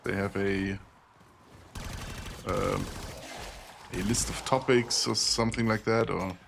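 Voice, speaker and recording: A young man streaming a game, rambling casually with lots of pauses and fillers. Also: lowish voice, steady tone, vocal fry, noisy background. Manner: rambling, soft-spoken, with many pauses and fillers. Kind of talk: casual streaming chat while gaming.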